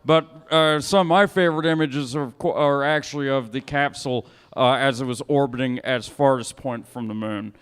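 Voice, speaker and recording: A man presenting astronomy news at a public science talk, enthusiastic and halting with many fillers. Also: medium pitch, smooth. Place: bar event hall. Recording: long hall reverb.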